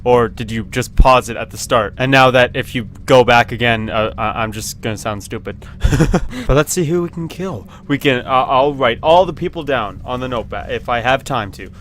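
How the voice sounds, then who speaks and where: A man giving casual, excitable commentary as he plays a video game at his computer, laughing often and yelping when something happens. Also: medium pitch, normal speed. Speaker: gaming video host. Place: at home at a computer with webcam.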